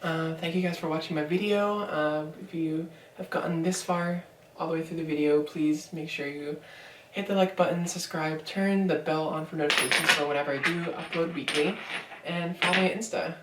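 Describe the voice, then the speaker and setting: A woman's voice: sits low, fairly even intonation, fairly quick, distant mic, background noise. A young woman in her twenties telling a story in a casual vlog, rambling with lots of fillers. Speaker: vlogger. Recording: echoey room, voice from off mic.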